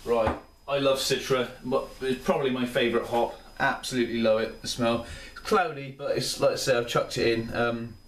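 In his small home kitchen, a tired man in his thirties rambles casually and enthusiastically through a beer review at a moderate pace, his medium-pitched voice steady with few pauses. A camera mic a few steps away gives a roomy, off-mic home sound with slight background noise.

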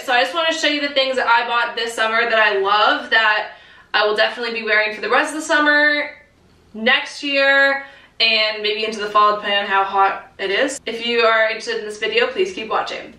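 Upbeat young female vlogger, fairly high voice, casual filler-heavy chat, echoey empty room. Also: steady tone, moderate pace, bright, forceful tone. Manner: chatty, lots of "like" and "um". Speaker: fashion vlogger. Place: half-empty room under renovation. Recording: echoey bare room, voice far from mic.

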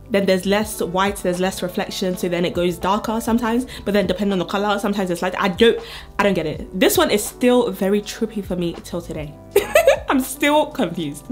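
A young woman vlogging about her art, chatty and playful, laughing often as she talks to the camera, with faint music behind. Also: medium pitch. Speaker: art YouTuber. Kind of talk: casual vlog talk to camera.

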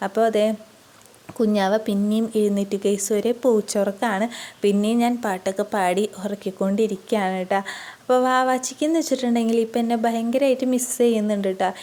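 A young mother with a Keralan Malayalam accent, chatting softly in a dubbed vlog voice-over from home. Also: on the high side. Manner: soft, chatty, often adds a friendly tag to her sentences. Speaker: vlogger, mother of two. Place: room at home with a baby beside her.

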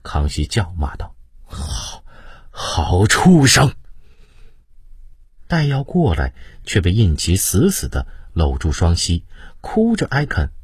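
A middle-aged man narrates a historical novel in a very low, breathy-husky voice. He tells it slowly and dramatically, his pitch sweeping widely. The recording is close and dry. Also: no echo. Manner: expressive storytelling with sweeping pitch. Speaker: audiobook narrator.

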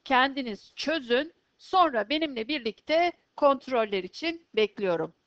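A woman teaching an English vocabulary lesson, slowly and clearly pronouncing each word twice for students to repeat. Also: sits high, expressive, dry recording, highs cut off.

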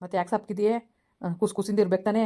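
A man's voice: high voice, flat delivery, racing, mellow, close to an everyday voice. A man, acting a caring, apologetic young husband who soothes his wife in a village skit. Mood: comforting. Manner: soothing, reassuring.

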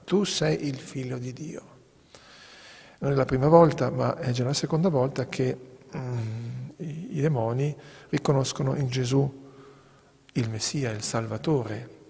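A man, a priest, giving a homily at Mass in a measured preaching manner, often repeating words as he goes. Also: mid-range voice, gravelly, dark tone, husky. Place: sanctuary church. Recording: echoey church with long reverb.

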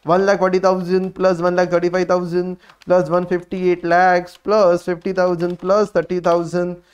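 An accountancy teacher, a native Hindi speaker with a North Indian accent and a distinctly high-pitched voice, gives lively classroom exam coaching and works through problems, mixing Hindi words into his English. He repeats key phrases and asks himself questions in a monotone at moderate pace, and the sound is lo-fi.

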